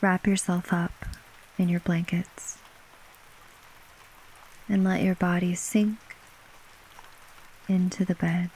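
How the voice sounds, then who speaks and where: A woman narrating a bedtime sleep story as guided relaxation, gently and unhurriedly, with long pauses between short phrases. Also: lowish voice, a little hiss or hum, rough recording. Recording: steady rain ambience behind voice. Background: rain falling.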